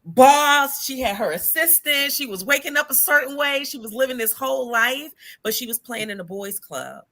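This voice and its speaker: A woman moderating a casual panel discussion, chatty and lively, laughing easily as she hands out questions. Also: high-pitched, moderate pace.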